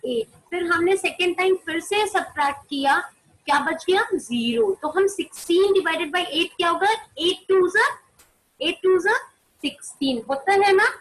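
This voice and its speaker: High-voiced teacher woman, online maths class. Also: lively intonation, normal speed, a bit bright, poor audio. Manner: mixes Hindi and English, asks pupils questions and answers them herself; calls pupils by name to turn on their cameras. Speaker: primary school maths teacher. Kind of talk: online class on a video call.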